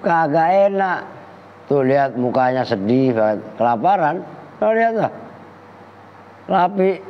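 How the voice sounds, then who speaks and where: A man's voice: fairly high pitch, sing-song, unhurried, slight background noise. A man teaching an Islamic kitab class, joking and teasing his students by name. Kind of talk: Islamic lesson. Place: pesantren hall. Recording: lo-fi roomy hall recording.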